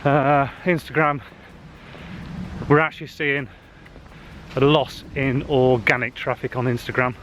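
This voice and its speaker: A bit bright and a little slow, this man's mid-range voice barely moves in pitch. The social media marketing vlogger walks a wooded hill path talking casually to his handheld camera, slightly out of breath and heavy on fillers, with faint outdoor noise behind him.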